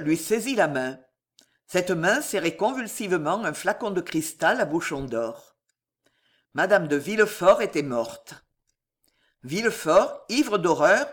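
This is a dramatic audiobook reading by an expressive narrator whose mid-range pitch swings up and down a great deal. Tense passages are taken more slowly, with weight placed on every line.

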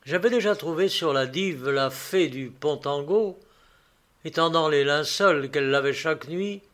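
A man's voice: fairly high pitch, measured pace, fairly bright tone. Man reading a literary tale. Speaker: narrator.

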